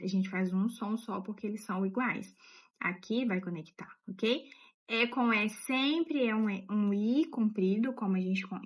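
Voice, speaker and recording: A Brazilian woman teaching English pronunciation in a casual, chatty way, explaining step by step and saying example words slowly. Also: mid-range voice, a bit bright.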